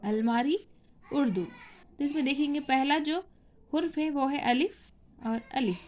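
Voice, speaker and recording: A woman's voice: high-pitched, a little mellow, a little hiss or hum. Woman teacher spelling out letters. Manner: spells out letters slowly, asks and answers her own questions. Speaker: school teacher. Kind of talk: classroom lesson.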